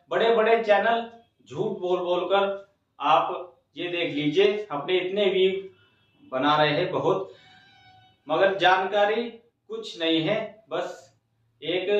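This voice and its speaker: Speaking in a high voice, a man hosting a channel delivers an informal news update, explaining point by point, repeating himself, and talking straight to viewers. The audio is dull and very echoey, as if the mic sits far away in a reverberant room.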